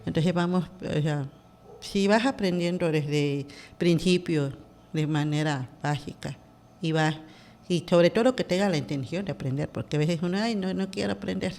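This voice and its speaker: Woman guest, hesitant and halting, heavy on fillers. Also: low-pitched, darkish tone. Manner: hesitant, many fillers and restarts. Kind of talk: casual interview talk.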